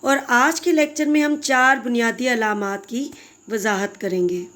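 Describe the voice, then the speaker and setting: Female teacher, fairly high-pitched, warm and patient, explaining a lesson to children. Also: fairly even intonation, measured pace. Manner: patient, explanatory, addresses pupils fondly. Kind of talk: recorded grammar lesson for children.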